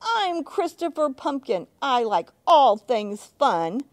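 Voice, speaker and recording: A woman's voice: fairly high pitch, huge pitch swings, slow pace, exaggerated voice. A woman voicing a cheerful young male pumpkin who loves fun things, speaking in a sweet, upbeat way in a storybook reading. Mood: eager.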